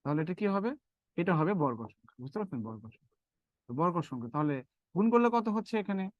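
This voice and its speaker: A man's voice: high voice, very animated, fast talker, no room sound, lo-fi sound. A man teaching math in a live online lecture, repeating steps and quizzing his students as he works through sums.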